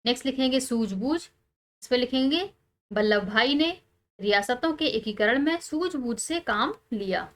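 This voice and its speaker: A woman teacher, calmly explaining textbook answers step by step and pausing on key words. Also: fairly high pitch.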